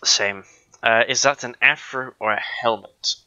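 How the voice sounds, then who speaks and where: A man in laid-back gaming chat, easygoing and quick to laugh. His voice is very bright and sharp in tone, but the lo-fi mic makes it sound muffled. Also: medium pitch, dry recording. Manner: laid-back, giggly, swears casually. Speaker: gaming friend.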